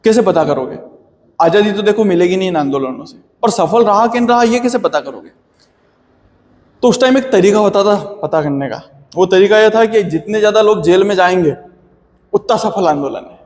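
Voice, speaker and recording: A man's voice: sits high, lively intonation, normal speed, a little mellow, in a large hall. A man teaching a history lesson in a chatty, friendly way, calling his students "beta". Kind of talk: classroom history lecture.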